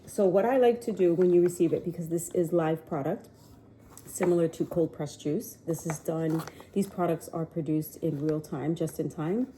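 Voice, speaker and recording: A woman's voice: sits low, normal speed, warm tone, slight background noise, rough recording. A middle-aged woman with a cold, chatting upbeat and straight to camera in a casual vlog. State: sniffly with a cold. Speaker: lifestyle vlogger.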